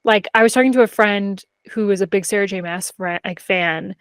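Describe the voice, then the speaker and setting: This woman's voice is medium-pitched, steady, brisk and clean, captured in studio quality with no echo. As a podcast co-host she chats candidly and informally about books with friends, saying "like" a lot.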